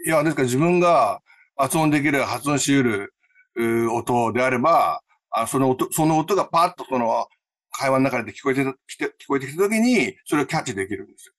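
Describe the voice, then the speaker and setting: Lively, explanatory male English teacher. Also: medium pitch, a little fast. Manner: lively, explanatory, many fillers. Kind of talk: explaining to an interviewer.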